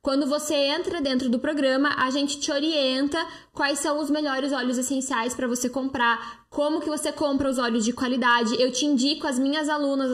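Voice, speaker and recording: A Brazilian woman with a high voice speaks into a phone held close during a live stream. She talks in a chatty, persuasive way, answering viewer comments and sprinkling her speech with fillers. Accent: Brazilian Portuguese. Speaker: live-stream host, detox coach.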